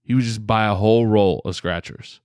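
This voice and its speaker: A man's voice: on the low side, steady tone, a little fast, darkish tone, clean tone, no room sound. Male podcast co-host, chatty rambling storyteller, dry close mic. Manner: rambling, self-correcting storyteller. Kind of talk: casual chat. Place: home, separate from co-host.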